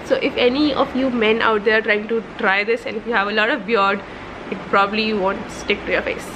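A woman's voice: mid-range voice, fairly even intonation, extremely slow. A young woman from India, chatting to camera in a casual vlog while speaking through a wipe over her mouth, giggling and asking viewers questions. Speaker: vlogger. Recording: echoey room with background noise.

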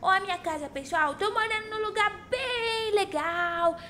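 A woman's voice: very high voice, moderate pace, sharp tone, slight background noise. A woman voicing a cheeky, feisty little girl who hosts a children's Minecraft role-play, exclaiming in a childlike, bratty way. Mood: cheerful. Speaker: host of children's gaming channel. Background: music.

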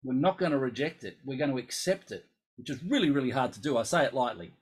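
A man coaching musicians through an emphatic, animated casual talk, often acting out inner voices. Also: medium pitch, fast talker, breathy edge, rough recording. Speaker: coach for musicians with focal dystonia.

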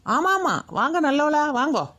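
A woman with a Kayalpattinam Tamil accent voicing a sharp-tongued older woman in a cartoon who scolds and mocks gossips. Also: sits high, very animated, normal speed. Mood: scolding. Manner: scolding, sarcastic. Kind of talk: cartoon voice acting.

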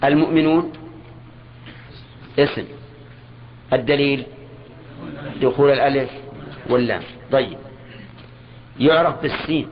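An older man, teaching a grammar lesson in a measured way. He repeats key words and puts questions to his students. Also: mid-range voice. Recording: dull lo-fi old lecture recording with faint hiss.

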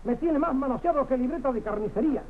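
Very high-pitched clownish soldier. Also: male voice, expressive, fast. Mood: cheeky, protesting. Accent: Argentine. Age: middle-aged. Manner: exclamatory, wisecracking. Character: cheeky, put-upon clownish soldier, a bungling orderly. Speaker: comedian. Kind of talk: 1960s television sketch comedy acting. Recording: tinny, noisy old television soundtrack.

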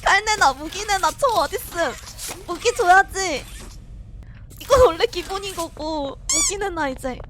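A woman's voice: very high-pitched, expressive, measured pace, a bit bright, slight background noise. A young woman streaming a horror game, talking herself through it, jumpy and frightened, laughing and shrieking as she plays. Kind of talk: horror game let's play commentary.

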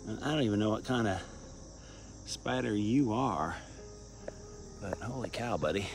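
Over background music, a lowish, animated male voice takes its time as an older vlogger from Cincinnati, Ohio rambles through a walk-and-talk video on a suburban campus. He's chatty, leans on fillers and laughs often, and records on an arm's-length phone with wireless earbuds.

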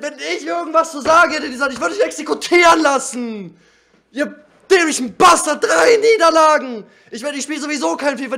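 A young man in a berserk rage, shouting and swearing through an angry rant while gaming. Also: very high-pitched, creaky. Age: young adult. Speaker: gaming streamer. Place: indoor room at home.

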